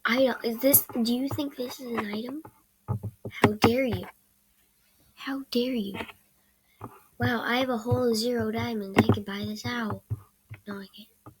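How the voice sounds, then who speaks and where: Slightly high and fairly even, her voice moves a little slowly with long pauses; she's a sick teenage girl losing her voice as she plays a computer game. Hosting her gaming channel, she offers hesitant, rambling commentary that often trails into soft mumbles. Recorded on a computer mic during screen capture, it has loud background noise and clicks.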